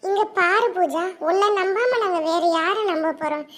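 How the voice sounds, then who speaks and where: Woman voicing a calm, soothing elder sister-in-law. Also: very high-pitched. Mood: coaxing. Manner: soft, soothing, slow.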